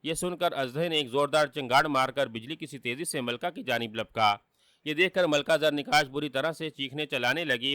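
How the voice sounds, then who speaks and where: Bright-voiced male storyteller. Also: mid-range voice, dry recording, clean studio sound. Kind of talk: scripted story narration.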